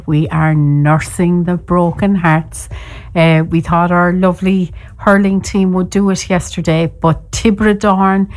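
A middle-aged woman with a Cork Irish accent, telling stories in a lilting, unhurried storyteller's way with chatty asides. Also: lowish voice, a little mellow. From Cork, Ireland. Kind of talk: oral storytelling with chatty introduction.

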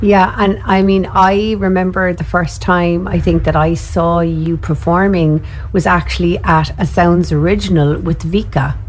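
Woman radio host, lowish voice, chatty and effusive, faint room hum behind. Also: fairly even intonation, unhurried, few pauses, poor audio. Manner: chatty, effusive, rambling questions. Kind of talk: casual interview.

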